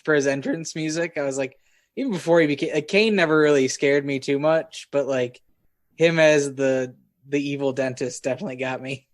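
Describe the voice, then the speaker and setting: A man co-hosting a casual podcast chat, speaking in a relaxed, halting way with many fillers. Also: fairly high pitch. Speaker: podcast co-host.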